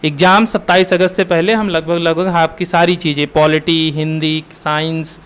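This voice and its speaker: High-voiced man teaching Hindi grammar. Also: level tone, moderate pace, a bit bright, clean tone. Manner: asks questions then answers them himself; repeats key terms for drilling. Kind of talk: exam-prep lesson.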